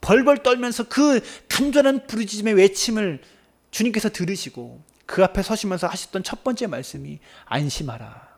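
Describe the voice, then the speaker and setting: A man preaching a Sunday sermon as pastor, impassioned, swinging between loud cries and hushed near-whispers. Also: sits high, expressive, brisk.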